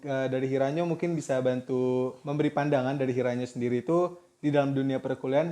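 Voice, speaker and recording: A man's voice: mid-range voice, darkish tone. A young man hosting a student discussion, polite and hesitant, with many fillers. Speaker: interviewer.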